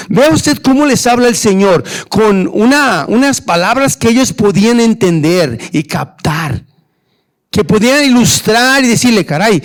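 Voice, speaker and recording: Un pastor predicando con fervor en español, haciendo preguntas retóricas y llamando "hermano" a sus oyentes. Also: male voice, high-pitched. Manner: earnest preaching, often addressing "hermano", rhetorical questions. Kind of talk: sermon.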